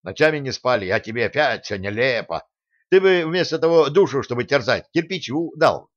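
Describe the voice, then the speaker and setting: A man's voice: mid-range voice, normal speed, natural voice. Man voicing a grumbling stubborn old teacher. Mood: irritable. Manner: grumbling, irritable, defiant. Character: grumpy stubborn elderly teacher, craftsman. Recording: dull lo-fi sound.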